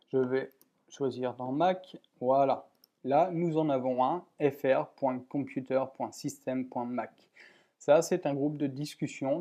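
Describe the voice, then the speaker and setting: Guiding viewers through a computer program one step at a time, this tutorial presenter keeps his screen-recorded explanation plain and methodical, sprinkled with fillers and repeated "voilà." He speaks in a warm, medium-pitched voice.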